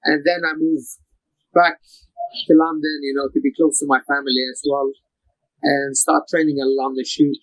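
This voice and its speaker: A young man from Iraq answers questions in a relaxed, easygoing way, dropping "you know" into most of his sentences. His voice sits a little high for a man. It is recorded close and dry, with no room sound. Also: moderate pace, no echo, poor audio. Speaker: MMA fighter. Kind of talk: post-fight interview over a call.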